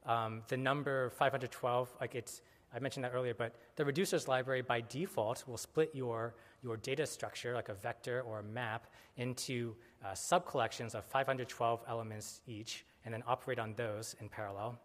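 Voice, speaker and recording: A man's voice: medium pitch, steady tone, normal speed. A man giving a technical conference talk in a casual way, with many fillers and self-corrections. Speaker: conference speaker. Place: conference hall. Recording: lecture hall with long reverb.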